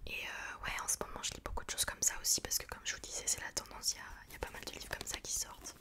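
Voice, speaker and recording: A woman talks entirely in a hushed, unvoiced library whisper. Her delivery is an informal ASMR book chat, breathy and soft, with a hesitant, searching way of putting things. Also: rapid-fire.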